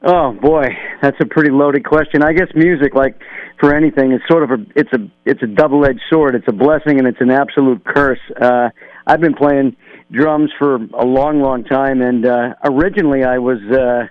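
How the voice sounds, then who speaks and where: A drummer from New Hampshire calls in by telephone to a radio interview as a musician guest, telling long, loose stories in a relaxed, rambling way full of fillers. His voice is mid-range at a normal speed, with no room sound, heard over a dull phone line.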